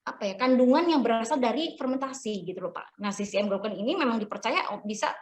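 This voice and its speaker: A woman's voice: fairly high pitch, animated, quick pace. A woman in her thirties, a beauty consultant, explaining products in a chatty podcast talk, often stopping to search for words. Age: 30s.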